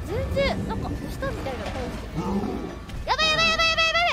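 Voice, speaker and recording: A woman streaming a video game with excited commentary, frantically repeating words and screaming, yet using polite, ladylike phrasing. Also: very high-pitched, racing. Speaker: game streamer, virtual character host. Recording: loud game audio behind the voice. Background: video game music and effects.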